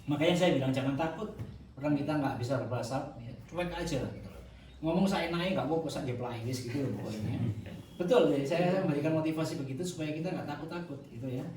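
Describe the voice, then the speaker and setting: A man teaching Arabic grammar to a class, relaxed and joking, mixing in words. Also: a little high, quick pace, slight background noise. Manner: relaxed, joking, mixes in Javanese. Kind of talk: classroom lesson. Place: large echoey mosque hall. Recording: echoey hall, voice from far off.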